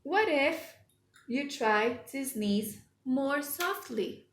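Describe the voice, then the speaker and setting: A woman voicing a friendly young male pig who asks gentle, caring questions. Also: high voice, lively intonation, extremely slow, reverberant, pitched above the performer's own voice, heavily acted.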